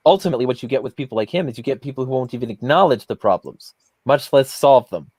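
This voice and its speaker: A man's voice: medium pitch, animated, quick pace, a little mellow, slightly rough, dry recording. A man hosting a podcast who rants bluntly and swears often in casual heated talk. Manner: blunt, profane, ranting. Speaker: podcast host.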